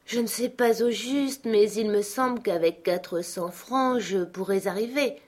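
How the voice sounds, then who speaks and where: A woman's voice: medium pitch, unhurried, a little mellow, natural voice. A woman voicing a vain young wife who pleads plaintively for finery.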